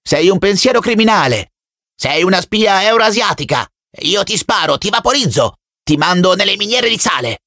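A man voicing a fierce nine-year-old boy who shouts accusations in a high, strained voice. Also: sing-song, normal speed, no room sound, studio quality, heavily acted. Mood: shrill, accusing.

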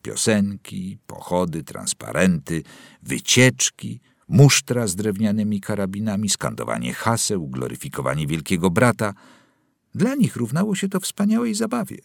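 A man narrating a novel aloud in a dramatic, expressive reading. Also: on the low side, normal speed, vocal fry, dry recording, studio quality. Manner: dramatic, wide-ranging delivery. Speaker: audiobook narrator.

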